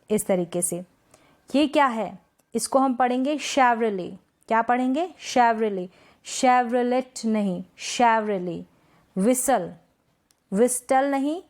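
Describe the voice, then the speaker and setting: A woman teacher explains a lesson at a slow, careful pace. Her voice sits a little high, and she asks and answers her own questions, saying each example word over again. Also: darkish tone. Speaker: English pronunciation teacher.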